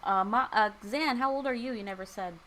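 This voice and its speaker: On a podcast, a co-host in her early twenties chats casually with a dry, deadpan, teasing manner. Her voice is a little high and fairly quick, and the recording is rough.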